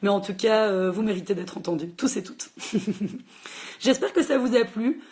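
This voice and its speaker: A woman hosts a casual livestream book chat for a library. She talks fast and chattily, with lots of fillers. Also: mid-range voice, darkish tone. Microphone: phone livestream.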